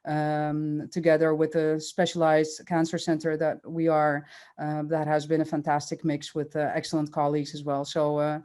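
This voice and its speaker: A woman who grew up in Curaçao, speaking as an oncologist guest in a podcast interview, measured and thoughtful with many fillers. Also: deep voice, monotone, warm tone, smooth.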